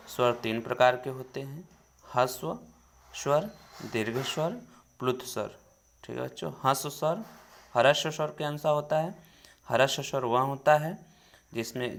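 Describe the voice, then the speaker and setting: A male teacher giving a grammar lesson. He speaks slowly, repeats each definition and calls the students children. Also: medium pitch, a bit bright.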